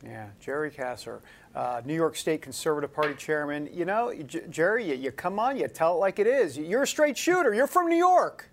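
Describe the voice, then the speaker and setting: A man's voice: a little high, sing-song, normal speed. A man hosting an opinionated political talk show in a punchy, teasing manner, repeating himself and asking rhetorical questions.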